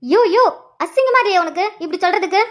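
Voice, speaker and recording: A woman's voice: very high-pitched, lively intonation, fast. A woman voicing a middle-aged mother in a cartoon who indignantly scolds her husband and daughter. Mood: scolding.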